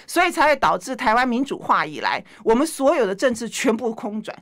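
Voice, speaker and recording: A woman's voice: a little high, very animated, a little fast. A woman legislator, a guest on a political talk show, speaking in an indignant, emphatic way and firing off rhetorical questions.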